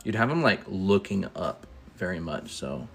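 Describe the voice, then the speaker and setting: Relaxed man explaining drawing steps. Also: low-pitched, moderate pace, creaky, husky, soft background music. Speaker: co-host art teacher. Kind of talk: casual livestream drawing lesson.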